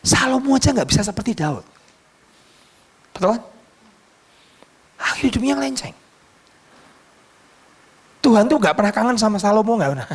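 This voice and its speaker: Male pastor preaching, husky and high, lively storytelling. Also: normal speed, long pauses. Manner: storytelling, animated and emphatic. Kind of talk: sermon.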